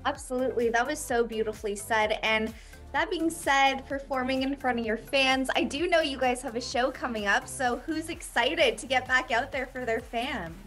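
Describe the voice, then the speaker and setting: A woman's voice: high voice, moderate pace, a bit bright, soft background music. A young woman hosting a video-call interview with a band from a small room, gushing and upbeat. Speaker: host. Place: small indoor room, dark backdrop.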